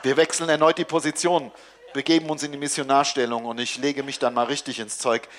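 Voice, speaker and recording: A man in his forties giving a comic live reading of his own novel, narrating in a dry, deadpan first person. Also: medium pitch, fairly quick, a little hiss or hum. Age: 40s.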